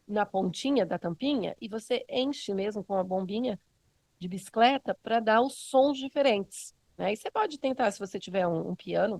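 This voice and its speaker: A woman's voice: mid-range voice, a little mellow, dry recording. A woman with a Brazilian Portuguese accent, a music educator giving a casual, encouraging teaching talk with many fillers.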